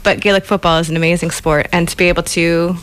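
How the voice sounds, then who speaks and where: A woman's voice: fairly low pitch, flat delivery, quick pace, fairly bright tone, clear, resonant tone. A woman from the United States with an American accent, talking casually as an interview guest in a chatty, self-deprecating way. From Ohio, United States.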